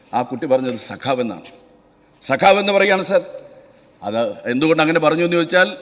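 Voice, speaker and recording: Legislator, male, rapid fiery oratory in a big reverberant chamber, keeps addressing the chair. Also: fairly high pitch, a bit bright. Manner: emphatic oratory, repeatedly addressing the chair as sir. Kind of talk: assembly floor speech. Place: large legislative assembly hall.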